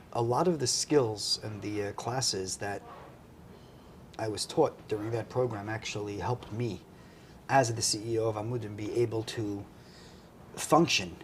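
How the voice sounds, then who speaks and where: A man's voice: fairly low pitch, a little hiss or hum. A man who runs a charity, talking earnestly on a casual talk show, with lots of "you know"s. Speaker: charity CEO, guest. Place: restaurant.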